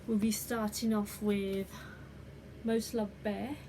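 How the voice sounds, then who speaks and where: Female channel host, casual and slow-talking, introducing bedtime reading over clear background noise. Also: mid-range voice, level tone, mellow. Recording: clearly noisy background ambience.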